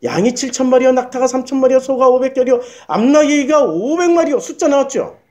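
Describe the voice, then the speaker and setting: A man's voice: very high-pitched, brisk, dark tone. A male pastor giving a sermon in a church, hammering home points with repeated rhetorical questions to the congregation.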